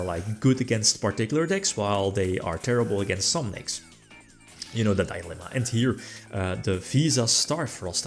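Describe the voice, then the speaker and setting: Low-pitched male gamer, casual rambling match commentary, lots of restarts, soft music bed behind. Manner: rambling, full of fillers and restarts. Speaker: card game player commentating his deck.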